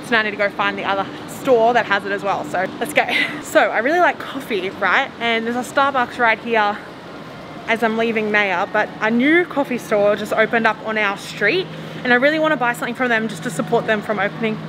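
A young travel vlogger with a high, brisk voice walks busy city streets holding her camera at arm's length, chatting ramblingly and laughing often. Traffic and street noise fill the background.

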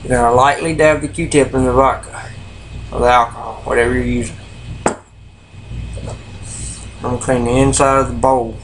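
A plain-spoken man talks around a pipe in his mouth as he walks through a hobby demonstration. His voice stays flat and even, at an ordinary pitch for a man. A steady background noise sits clearly behind him. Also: moderate pace, pauses often, low-quality recording. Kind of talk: casual how-to demonstration.

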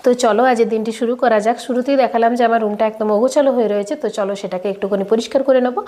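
A woman's voice: a little high, steady tone, racing, mellow. A young woman, narrating her daily-life vlog while she has a cold, chatty and speaking straight to viewers with many fillers. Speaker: vlogger.

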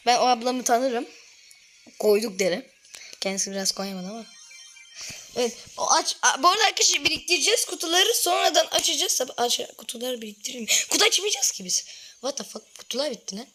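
A woman chatting excitedly and swearing while playing a phone game with her older sister at home, often shouting and laughing. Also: high voice, fast. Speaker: gamer recording gameplay with her older sister. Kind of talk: excited casual gameplay chat.

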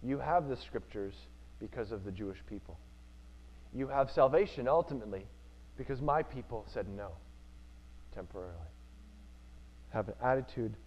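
A man's voice: medium pitch, dull audio. A male preacher giving an earnest sermon in church, repeating key phrases for emphasis.

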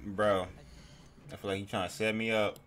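A man's voice: fairly low pitch, flat delivery, normal speed, a bit bright. A man giving slangy, joking, casual commentary as he plays a video game. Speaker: gamer, streamer. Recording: clearly noisy room, keyboard clicks.

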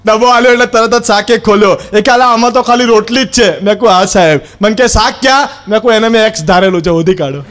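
A man performs a stand-up routine in the guise of a cheeky schoolboy, his voice sitting unusually high for a man. He tells the story with sly mischief, slipping into the voices of the people he quotes. A faint hum of background noise runs under the recording. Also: fairly even intonation, quick pace, hardly any pauses, a bit bright. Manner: cheeky storytelling, acting out the other people's lines. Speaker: stand-up comedian. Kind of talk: comic monologue in character as a schoolboy.

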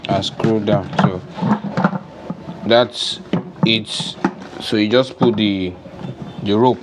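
Heavy background noise and music surround a young Nigerian-accented farming instructor as he demonstrates a DIY job step by step, informally and off the cuff. He has a fairly low-pitched voice, and the setting is an open-sided poultry house with a concrete floor.

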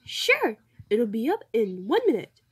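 A woman voicing a cheerful, bumbling female pony working a fast-food counter in a doll play, bubbly and apologetic. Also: on the high side, huge pitch swings, slightly rough, full character voice. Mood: chirpy.

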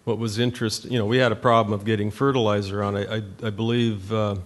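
Plainspoken farmer at a conference podium. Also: male voice, lowish voice, level tone, fast. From North Dakota. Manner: plainspoken, rambling with many fillers and restarts. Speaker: farmer panelist. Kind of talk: conference panel talk. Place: conference meeting room at a podium.

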